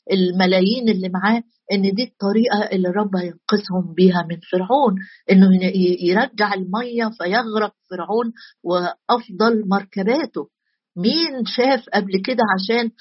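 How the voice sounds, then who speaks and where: A woman preacher with an Egyptian Arabic accent, delivering an earnest, exhorting sermon with drawn-out fillers. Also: medium pitch, slightly rough, muffled recording.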